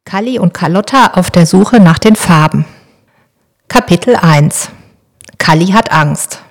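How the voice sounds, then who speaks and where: Female narrator, a touch low, calm clear children's audiobook reading. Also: unhurried, faint music behind.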